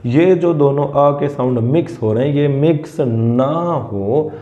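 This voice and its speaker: Slow Indian man teaching English grammar. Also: medium pitch, warm tone, reverberant, highs cut off. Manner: explains patiently, repeating example sentences slowly. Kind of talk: casual grammar lesson in Hindi and English.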